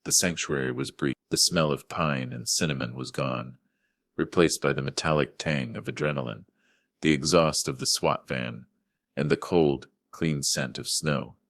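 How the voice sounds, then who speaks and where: An older man narrating a first-person family drama story in a steady, measured way. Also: rumbling low, gravelly, no room sound.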